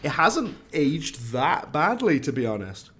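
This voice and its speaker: A man's voice: on the high side, very animated, unhurried, fairly bright tone, faint music behind. A young man chatting and joking as he streams a game. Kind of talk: casual live-stream commentary.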